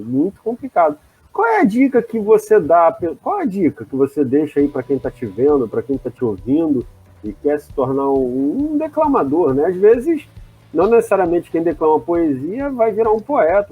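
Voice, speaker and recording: A man's voice: fairly high pitch, slightly rough, narrow, tinny audio. A man hosting an interview, talking hesitantly and often adding tag questions. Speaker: interview host. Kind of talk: casual interview.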